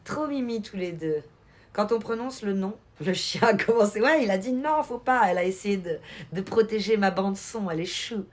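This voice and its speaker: A woman streamer chatting casually on a live stream, answering her chat and laughing often. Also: medium pitch.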